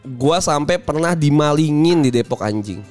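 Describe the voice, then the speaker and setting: Young jakarta guy, kinda high voice, really animated, rambly slangy comedic chat w some swearing, faint music. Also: normal speed. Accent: Jakarta-area Indonesian.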